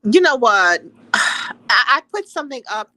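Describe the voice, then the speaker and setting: A woman chatting as a guest on a political talk show, animated and emphatic, repeating her phrases. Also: a little high, a little slow, no room sound. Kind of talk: casual political chat.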